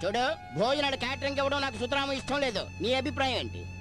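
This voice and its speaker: A man's voice: very high voice, fast talker, over music. An actor playing a bossy middle-aged father who barks orders about a wedding, in a film comedy scene. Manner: commanding, brusque, orders people about.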